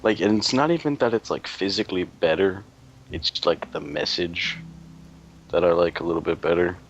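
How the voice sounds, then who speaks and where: A man's voice: deep voice, normal speed, muffled recording. A young man hosting a let's play, chatting casually in a rambling way with lots of fillers and crude jokes. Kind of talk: casual chat while gaming.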